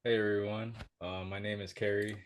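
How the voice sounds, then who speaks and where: Low, flat-voiced man rambling casually. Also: normal speed. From Pennsylvania. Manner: relaxed, rambling, full of fillers. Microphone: video call.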